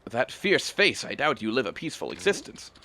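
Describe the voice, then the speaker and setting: A man's voice: medium pitch, big pitch swings, a little fast, bright, forceful tone, a little hiss or hum. A man voicing a stern old male martial arts master, reading game dialogue in a formal, declaiming way. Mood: lofty.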